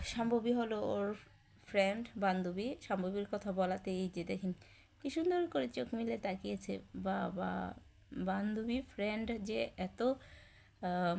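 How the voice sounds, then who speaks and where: A young mother talking casually in a home vlog, gently coaxing her sleepy daughter awake in a sing-song way and calling her name again and again. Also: medium pitch. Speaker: vlogger, mother.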